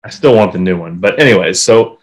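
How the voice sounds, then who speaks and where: In a laid-back hockey podcast, one of the co-hosts speaks fairly quickly in a low voice. His manner is animated and profane, and he reads out quotes along the way.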